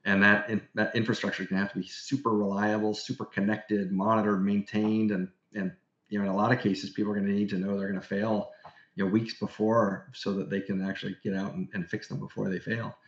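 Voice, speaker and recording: A man with a low voice talks enthusiastically as an industry guest on a casual podcast. The sound is roomy and a little dull, as if it were recorded in an untreated room on a modest mic. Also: little pitch movement, fairly quick. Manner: enthusiastic, explanatory.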